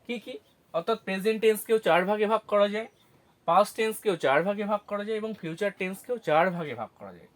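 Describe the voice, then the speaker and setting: A man teaching an English grammar lesson, asking questions and answering them himself, spelling words out syllable by syllable. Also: high-pitched. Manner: slow, syllable-by-syllable explanations with self-answered questions.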